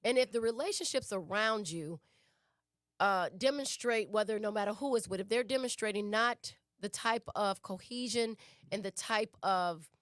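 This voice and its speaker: Emphatic and prone to rhetorical questions, this relationship podcast co-host repeats her main points in a conversational teaching style. Her mid-range voice is a bit bright at a moderate pace, and the clean studio recording has no echo.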